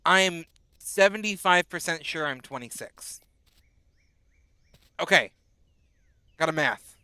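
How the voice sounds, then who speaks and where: A fairly high-pitched man in his twenties talks slowly, with lively intonation and a sharp yet smooth tone, with no room sound. He's a bit sick and on bed rest, casually rambling with his live-stream chat and answering messages while he plays a game.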